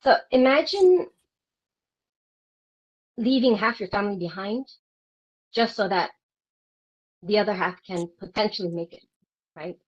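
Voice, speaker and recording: A woman's voice: medium pitch, animated, a little slow, long pauses, lo-fi sound. A woman from Vietnam who is a guest in an interview, telling her own story in an earnest, reflective way with hesitant restarts.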